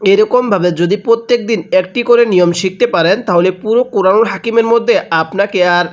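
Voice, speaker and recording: A man with a high, light voice and a Bangladeshi Bengali accent leads a Quran reading lesson one rule at a time. He spells out each letter and its vowel marks, asks the listener how to read the word, then chants it slowly and drawn out. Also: lo-fi sound. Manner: asks rhetorical questions before each reading. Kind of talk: step-by-step Quran recitation lesson.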